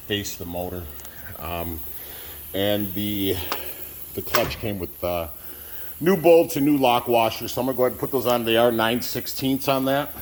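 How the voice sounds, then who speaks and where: Male DIY vlogger, mid-pitched, lisp with whistling s, plain and unsure, casual how-to delivery over faint background noise. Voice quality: lisp from new braces, whistling s. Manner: plain-spoken, unsure, hedging first-timer. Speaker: DIY truck mechanic vlogger. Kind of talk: casual how-to narration while working.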